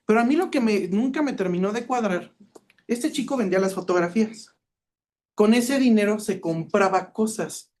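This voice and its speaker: Lively Mexican man telling stories. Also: high voice, normal speed, a little hiss or hum. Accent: Mexican Spanish. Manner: lively storyteller, acts out quoted dialogue. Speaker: cybersecurity expert speaker. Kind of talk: conference talk with anecdotes.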